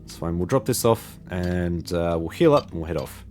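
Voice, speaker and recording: Low-voiced man giving casual game commentary. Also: expressive, moderate pace, a little mellow, faint music behind. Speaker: video game longplay host. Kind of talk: casual game commentary, muttering to self and viewers.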